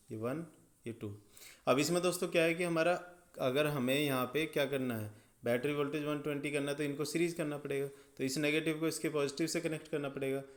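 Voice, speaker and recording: A man explaining electrical circuits step by step as a tutor, checking often that the listener follows. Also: mid-range voice. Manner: step-by-step, checks understanding with "ठीक है". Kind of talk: explaining circuits at a drawing board.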